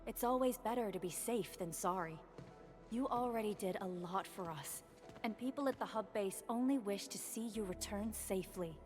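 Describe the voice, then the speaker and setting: A woman's voice: mid-range voice, moderate pace, a little mellow, soft background music, lightly acted. A woman voicing a grateful, caring base director in a video game, speaking earnestly and formally. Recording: long hall reverb.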